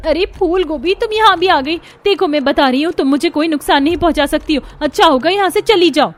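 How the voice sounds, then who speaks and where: A woman voicing a panicky young daughter-in-law who shouts frantically in a cartoon story. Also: high-pitched, a little fast, voice pushed up, close to an everyday voice. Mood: frantic.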